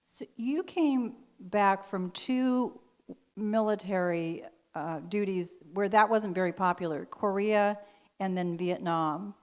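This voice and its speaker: A woman's voice: mid-range voice, slow pace. A woman hosting a show and interviewing a guest, asking questions in an earnest, appreciative way.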